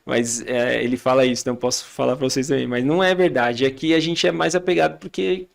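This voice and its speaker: A man with a Brazilian Portuguese accent talks fast and animatedly as a podcast guest. His voice is strongly gravelly with heavy fry. He tells family stories and plays out each side of the dialogue, at a middle pitch. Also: fairly even intonation. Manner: storytelling, acting out family dialogue. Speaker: podcast guest, father and church leader. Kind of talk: casual chat.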